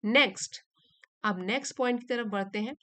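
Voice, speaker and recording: A woman teacher who reads each line slowly and clearly, then explains it patiently. Her voice sits a little high. The recording is close and dry, with no room echo. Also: pushed and bright. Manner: slow, careful reading of English lines, then patient explanation. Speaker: English teacher. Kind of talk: explaining an English reading passage in Hindi.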